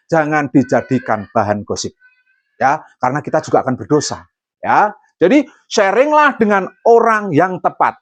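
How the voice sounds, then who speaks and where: A male pastor with a Javanese accent preaching a sermon, lively and joking, slipping into Javanese asides. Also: a little high, no echo. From Central Java, Indonesia.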